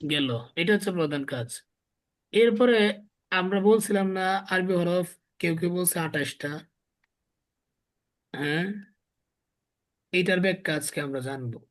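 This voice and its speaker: A man's voice: high-pitched, unhurried, long pauses. A Bengali-speaking man teaching the Arabic alphabet, drilling syllables over and over and asking his students to repeat after him. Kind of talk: classroom lesson with call-and-response drilling.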